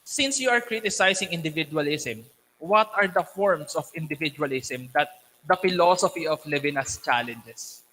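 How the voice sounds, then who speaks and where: A man on a thesis panel, questioning critically in a deliberate, instructive academic manner. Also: fairly high pitch, lively intonation, sharp tone. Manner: deliberate, instructive, frequently checking with "okay". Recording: echoey hall with long reverb.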